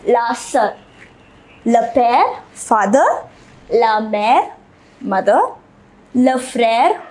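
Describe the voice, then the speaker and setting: A woman with a high, bright-pitched voice gives an unhurried language lesson. She speaks slowly and deliberately, repeating each word several times like a patient classroom teacher. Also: poor audio. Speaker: French teacher.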